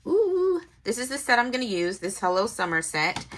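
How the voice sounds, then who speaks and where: A woman's voice: medium pitch, brisk, fairly bright tone, a little hiss or hum. A young woman chatting casually as she fills out her budget planner, thinking aloud and muttering numbers to herself. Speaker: planner vlogger. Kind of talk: casual narrated planner setup.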